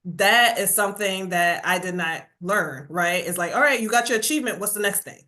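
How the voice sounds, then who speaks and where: This chatty, animated storyteller was born in Jamaica but speaks with a New York accent, at medium pitch and a slightly quick pace. She's a burnout coach appearing as a podcast guest in a relaxed interview, constantly saying "right?" and performing the quotes she relays.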